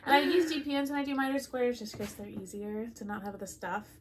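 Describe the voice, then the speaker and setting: A young woman co-hosting a casual knitting podcast, relaxed and friendly as she walks through her projects. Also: a little high, quick pace, slight background noise. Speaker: podcast co-host.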